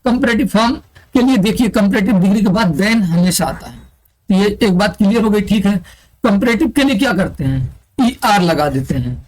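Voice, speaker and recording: A man's voice: high-pitched, lively intonation, a little fast, poor audio. A man teaching an online exam-prep English grammar lesson, explaining step by step and answering his own questions aloud. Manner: asks the class questions and answers them himself, repeating key terms.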